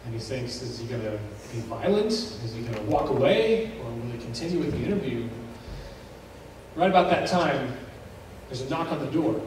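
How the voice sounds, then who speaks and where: A male pastor telling a story in a sermon, dramatic and suspenseful, with pauses that build tension. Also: mid-range voice, expressive, a little mellow, a little hiss or hum. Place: church sanctuary. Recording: very echoey church recorded from a distance.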